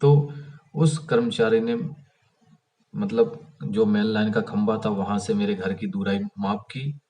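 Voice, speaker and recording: Distant, low-voiced man telling a grievance. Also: takes it slowly, warm tone. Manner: rambling, many restarts and fillers; aggrieved, complaining. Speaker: vlogger. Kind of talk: casual storytelling to camera. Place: outdoors by an unfinished house. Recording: voice heard from a distance.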